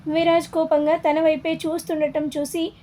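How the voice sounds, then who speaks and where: A woman narrating a serialized family story in a steady, plain storytelling manner. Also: extremely high pitch, moderate pace.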